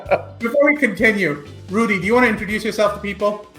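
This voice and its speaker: A man hosting a podcast interview, reading a sponsor spot and asking upbeat questions with quick restarts. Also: high-pitched, expressive, sharp tone, reverberant, faint music behind. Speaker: podcast host.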